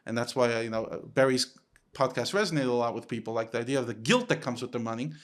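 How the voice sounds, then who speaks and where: A man from the United States, a rabbi, talking casually as a podcast guest, restarting and repeating words as he goes. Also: quick pace. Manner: animated, lifts his pitch sharply when quoting others.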